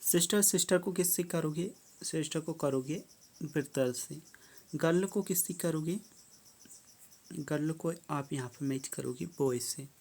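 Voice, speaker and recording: A teacher going through a worksheet step by step, reading each English prompt slowly and then explaining it in plain terms. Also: mid-range voice, darkish tone.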